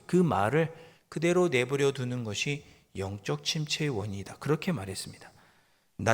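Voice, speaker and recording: Man preaching a sermon, calm then loud scolding bits, big echoey church hall. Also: medium pitch. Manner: swings from calm explanation to loud, rising rebukes. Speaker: pastor. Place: church sanctuary. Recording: long church hall reverb.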